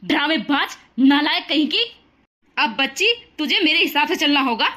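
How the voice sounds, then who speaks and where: Woman doing a cartoon mother-in-law, bullying, taunting, scolding, high-pitched. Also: lively intonation, normal speed, sharp tone. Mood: scornful. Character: harsh older mother-in-law, scornful and bullying.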